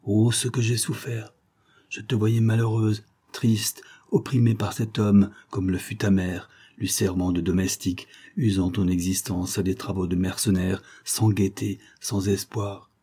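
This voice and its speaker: A man reading a gentle, anxious old father. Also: on the low side, little pitch movement, a little slow, slightly rough. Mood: earnest, impassioned.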